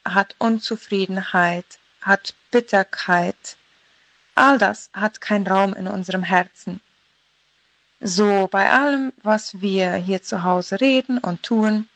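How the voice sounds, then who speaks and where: A woman in her thirties from Paraguay giving a short devotional radio talk in a calm, earnest, reflective manner. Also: mid-range voice, dry recording, low-quality recording. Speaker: radio devotional contributor, mother.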